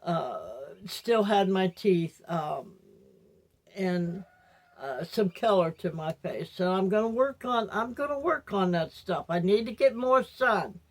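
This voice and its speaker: An older woman without her teeth in, talking to viewers in a rambling, reflective, halting personal monologue as a vlogger. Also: medium pitch, expressive.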